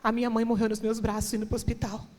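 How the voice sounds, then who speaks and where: A woman's voice: a little high, level tone, fast talker, darkish tone. A woman minister preaching a sermon and giving an impassioned personal testimony, building to emphatic declarations. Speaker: guest minister. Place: church hall. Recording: long church reverb.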